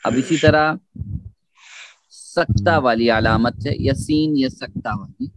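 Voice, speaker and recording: A man's voice: medium pitch, dry recording. A man teaching Quran recitation, dry and close. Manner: repeats key phrases slowly, chants Arabic verses as examples. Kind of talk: Urdu tajweed lesson.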